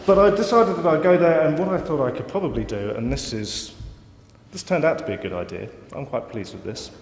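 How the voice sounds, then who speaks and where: A man's voice: a little high, a little fast, slight background noise. A man giving a live lecture, wry and self-mocking, with rambling asides. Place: lecture hall. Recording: roomy hall reverb, faint ambience.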